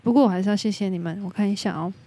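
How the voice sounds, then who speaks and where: Talking very fast on her casual solo podcast, a Taiwanese-accented host is frank and opinionated, sprinkling English words into her unscripted chat. Her voice is mellow, warm, and husky, pitched in the middle.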